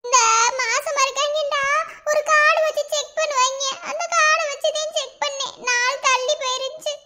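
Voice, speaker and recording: A woman's voice: very high voice, steady tone, normal speed. A woman voicing a young village wife in a cartoon, speaking Madurai Tamil, emotional and teasing, often tearful. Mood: joyful. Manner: tearful, pleading, laughing through tears. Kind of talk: cartoon voice acting. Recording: noisy recording with clicks.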